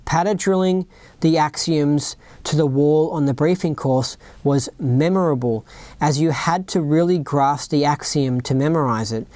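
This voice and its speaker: An Australian-accented podcast host reads a written account aloud, then wanders off into rambling asides, frequently asking "right?" and "you know what I mean?" The voice is mid-range and slightly mellow, with a faint hiss or hum on the recording.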